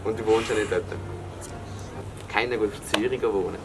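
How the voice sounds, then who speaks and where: A man's voice: lowish voice, steady tone, normal speed. A man with a Swiss German accent hosting a casual guessing game in playful, teasing banter. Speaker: YouTuber host. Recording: noisy background with vehicle sounds.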